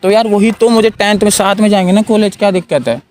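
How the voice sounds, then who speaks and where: Young guy doing a prank chat, teasing and begging, kinda high voice, music behind. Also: fast talker, darkish tone. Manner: teasing, pleading, playful. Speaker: prank video host. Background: background music.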